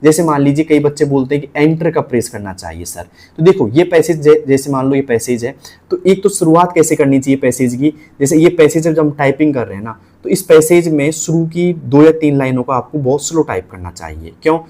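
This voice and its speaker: A man with a Rajasthani Hindi accent, teaching typing in a casual way, repeating points and spelling letters out slowly. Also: fairly high pitch, expressive, dark tone. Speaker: typing tutor.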